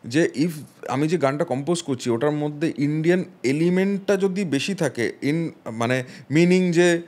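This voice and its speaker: Man explaining, slightly high-pitched. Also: moderate pace, darkish tone. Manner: thoughtful, explains with musical examples; mixes English phrases into his speech. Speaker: music producer guest. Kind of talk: explanatory interview talk.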